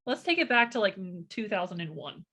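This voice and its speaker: Bright-voiced young woman podcast host. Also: mid-range voice, big pitch swings, brisk. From rural United States farming community. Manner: laughs often, chatty. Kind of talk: casual podcast chat.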